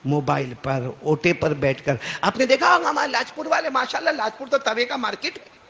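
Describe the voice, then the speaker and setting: A man preaching an impassioned sermon in a mosque, swinging from hushed storytelling to shouting. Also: very high-pitched, very animated, vocal fry.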